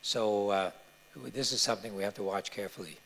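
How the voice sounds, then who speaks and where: A man answering audience questions at a conference, explaining points in a measured way with frequent hesitations. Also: on the low side, steady tone, fairly bright tone.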